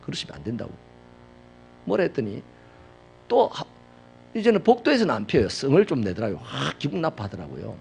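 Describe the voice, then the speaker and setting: A middle-aged man preaching a sermon with a wildly animated pitch, telling personal stories dramatically, now shouting, now hushed. A faint hum sits under his voice. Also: a little fast, vocal fry, long pauses. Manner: dramatic storytelling, swings from loud outbursts to hushed asides. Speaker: pastor.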